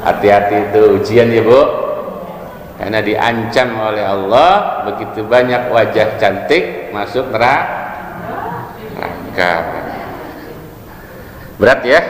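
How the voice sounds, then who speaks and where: A man giving a casual religious study lecture, joking and asking his listeners questions. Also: on the low side. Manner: joking, asks the audience questions. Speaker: religious teacher. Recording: echoey hall with faint ambience.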